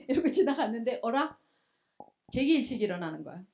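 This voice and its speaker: High-voiced woman preaching a lively sermon. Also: fairly quick. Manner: lively storytelling with many rhetorical questions. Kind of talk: sermon to young adults. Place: church hall.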